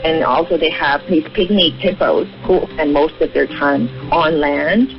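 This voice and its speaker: In a radio interview, an animal welfare advocate explains his points casually, with the conviction of someone championing a cause. His voice is fairly high, creaky, and unhurried, heard over muffled narrowband shortwave with background music.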